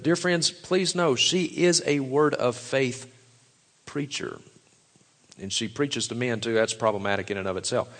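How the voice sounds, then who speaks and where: A man's voice: mid-range voice, a bit bright. A man giving critical religious commentary in a firm, emphatic, warning tone.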